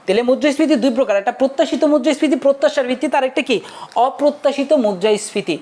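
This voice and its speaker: A man's voice: extremely high pitch, racing, a little mellow. A young male teacher giving a casual online lecture, chatty and forever checking whether his students have understood. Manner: chatty, keeps asking students if they understood.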